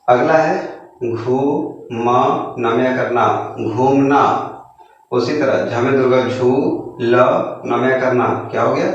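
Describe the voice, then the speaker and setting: A man teaching a beginner lesson, slowly sounding out syllables and asking and answering his own questions. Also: medium pitch. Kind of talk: Hindi literacy lesson. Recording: distant echoey lo-fi room sound.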